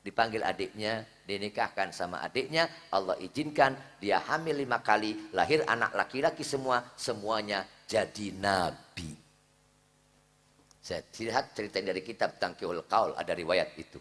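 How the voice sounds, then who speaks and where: Bright-voiced preacher, man, joking sermon. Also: lowish voice, normal speed. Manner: storytelling with voices, joking with the audience. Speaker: Islamic preacher. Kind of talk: humorous sermon. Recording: echoey hall reverb.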